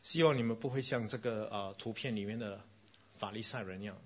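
A middle-aged man, a pastor giving a gentle, conversational children's sermon and calling himself their uncle. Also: fairly low pitch, fairly quick, husky, highs cut off.

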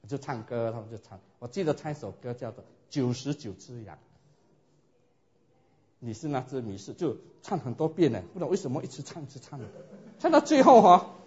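A man preaching a sermon and telling his own story in a lively way, often asking his listeners rhetorical questions. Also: mid-range voice, brisk. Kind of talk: sermon with personal testimony. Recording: dull lo-fi recording.

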